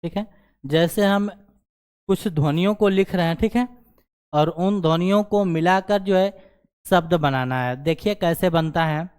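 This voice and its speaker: A male teacher walks through a grammar lesson at an unhurried, deliberate pace. His voice is smooth and clear, and he keeps checking in with the listener after each small step. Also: sits high, darkish tone. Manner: repeats "ठीक है ना" as a check-in filler. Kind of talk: slow explanatory grammar lesson.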